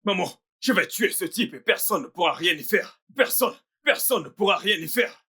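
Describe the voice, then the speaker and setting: A man's voice: high voice, lively intonation, normal speed, bright, forceful tone, breathy edge, full character voice. A man playing a vain, hot-tempered young fashion designer in a French film dub, ranting and threatening revenge. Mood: furious. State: bleeding from the mouth after a beating.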